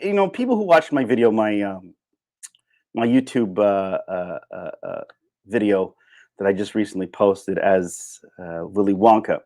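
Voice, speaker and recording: In a dry recording, a livestreamer with a somewhat dark, mid-range voice goes on an unscripted rant, answering messages from chat. He rambles, circling back to the same phrases to drive his points home, and very little room comes through.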